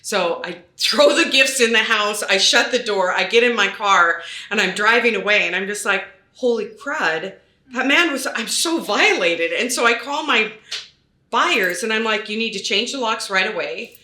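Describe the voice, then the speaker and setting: A woman real estate agent telling a story in a panel chat, animated and acting out her own quotes. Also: mid-range voice, moderate pace. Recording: roomy echo.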